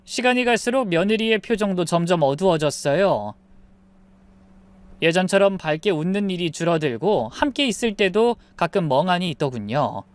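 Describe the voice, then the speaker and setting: A woman telling a first-person true-life story in a calm, confiding way. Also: on the low side, moderate pace.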